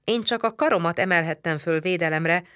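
A woman's voice: on the low side, fairly bright tone, no echo, studio quality. Woman reading a novel aloud. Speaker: audiobook narrator.

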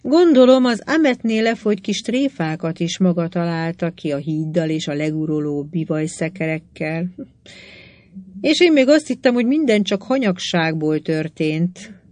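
A calm, dry-witted English adventurer, as a woman reader voices him in an audiobook. He speaks slowly, stressing every word, in a lowish, unhurried tone. Each line comes across as deliberate and cool. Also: no room sound, close to an everyday voice. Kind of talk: audiobook reading.

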